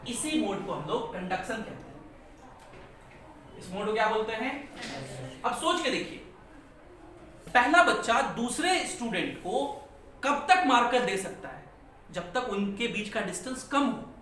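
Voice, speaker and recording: Speaking in a high-pitched, bright and forceful voice, a male physics teacher takes his time, pausing often and swinging widely in pitch. He questions the class and repeats important terms. The sound comes from far away in a large, reverberant classroom, faintly noisy.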